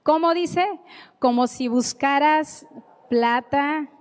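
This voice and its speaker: A woman's voice: high voice, slow pace. A woman preaching a sermon in a church, emphatic and repeating key phrases, with playful asides. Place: church sanctuary. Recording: echoey hall with long reverb.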